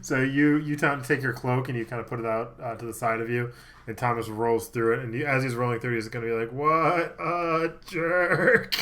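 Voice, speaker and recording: A man's voice: mid-range voice, fairly even intonation, quick pace, fairly bright tone. Laid-back male game master. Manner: easygoing, laughs often, many fillers. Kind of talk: narrating a tabletop game.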